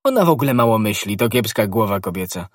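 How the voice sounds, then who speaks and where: A conceited middle-aged shopkeeper boasting loudly in an audiobook tale, as a man puts him on. His husky voice is pushed up and forceful, with a dry close sound. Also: medium pitch, a little fast, no echo, distant mic, voice pushed up, natural voice. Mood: smug. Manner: smug, loud.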